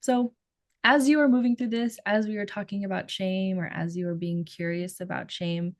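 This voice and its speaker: A woman therapist with a Filipino accent, talking through ideas in a thoughtful, gentle way on a casual podcast and searching for her words. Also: medium pitch, fairly even intonation, normal speed, dry recording, clean studio sound.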